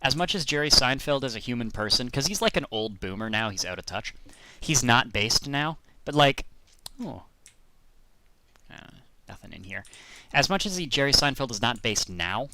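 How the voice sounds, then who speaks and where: A man's voice: mid-range voice, expressive, moderate pace, bright, forceful tone, slight background noise. A man streaming a driving game, chatting casually and telling rambling jokey stories to his viewers. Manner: rambling, jokey, self-deprecating. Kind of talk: casual gameplay commentary.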